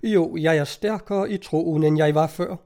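A man's voice: a little high, darkish tone, close to an everyday voice. Miss Adams, a man reading as a fussy old aunt. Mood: chatty. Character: fussy elderly aunt, devout and talkative.

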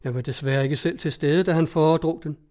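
A man's voice: fairly high pitch, fairly even intonation, darkish tone, close to an everyday voice. A man doing an unsure young poet. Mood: polite.

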